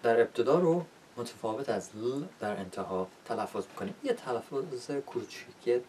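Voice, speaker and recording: A man whose first language is Persian, teaching English pronunciation in a spoken lesson and repeating words slowly to demonstrate sounds. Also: lively intonation, a little mellow. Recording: distant mic with faint rumble.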